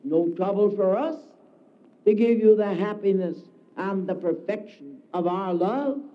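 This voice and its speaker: A man giving a solemn devotional address, declaiming slowly with emphatic repetition, heard on a dull lo-fi recording. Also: sits high. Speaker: spiritual speaker.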